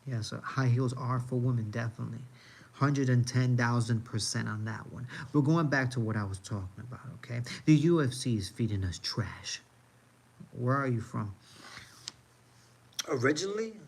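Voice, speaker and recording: Ranting on his livestream, this New Yorker with an American accent hammers his points home through emphatic repetition. His mid-range voice moves at a normal speed, slightly rough and full of vocal fry.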